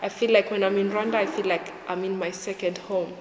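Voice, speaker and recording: A woman's voice: medium pitch, steady tone, fairly quick, noisy background. Chatty Kenyan woman, echoey room. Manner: chatty, many fillers. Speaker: YouTuber guest. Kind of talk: casual interview chat. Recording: echoey room with long reverb.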